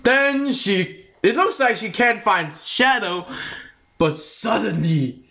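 A man talks through a video review in a loose, casual way, stopping and restarting his sentences as he goes. His voice sits high for a man and he speaks slowly. His vowels drift between American and British. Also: expressive, creaky, pushed and bright. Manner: halting, restarts sentences often; mixes American and British sounds.

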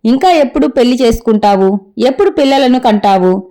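A woman's voice: a little high, animated, brisk, dark tone, close to an everyday voice. A woman voicing a fretful middle-aged mother who scolds and complains to get her son married. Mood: scolding.

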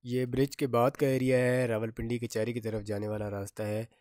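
A man from Pakistan presenting a construction update, calmly pointing out places and describing the work on a site video tour. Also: mid-range voice, brisk, soft background music. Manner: plain explanatory, pointing out locations.

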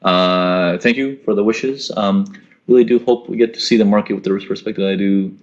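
This young man, who grew up in Korea and the US, hosts a live forex trading webinar from a small room at home. His voice sits on the low side and moves briskly, and the laptop webcam mic on the video call cuts off the highs. He answers chat questions like a casual coach, often repeating himself.

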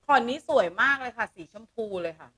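A woman co-hosting a live sale, eager and quick, chiming in with praise. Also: a little high, expressive, bright, forceful tone. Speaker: co-host. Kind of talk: live-selling chat.

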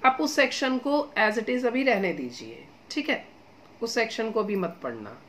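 A woman's voice: on the high side, animated, measured pace, fairly bright tone. A woman exam-coaching teacher giving casual study advice, chatty and encouraging, often checking in with her students and mixing English phrases into her talk. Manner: chatty, addresses students as beta and guys, mixes English phrases; repeats "theek hai" as a check-in.

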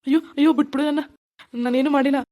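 A woman's voice: sits high, flat delivery, very fast, warm tone, natural voice. A woman voicing a lazy, bossy husband in a cartoon, who turns panicky when frightened. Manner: bossy, then panicky and pleading. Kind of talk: animated cartoon voice acting.

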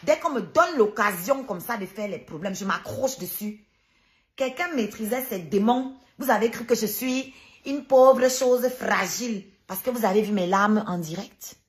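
A woman's voice: fairly high pitch, moderate pace. A woman hosting a heated livestream rant, combative and sarcastic, hammering her points home by repeating them. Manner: emphatic repetition. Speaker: online live streamer.

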